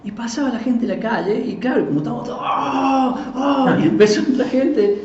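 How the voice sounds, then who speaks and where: A man who is a pastor, giving a live Bible teaching in a conversational, animated way and acting out quoted voices. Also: sits high, quick pace, a crowd in the background. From Argentina. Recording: roomy, dull live recording with faint noise.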